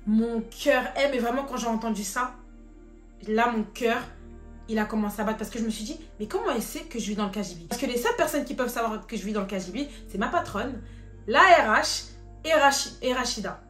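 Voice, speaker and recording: A woman's voice: on the high side, expressive, a little fast, a bit bright. A woman in her twenties telling her personal faith testimony as a vivid story, acting out each exchange of dialogue. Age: 20s. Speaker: testimony vlogger. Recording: roomy sound with faint music.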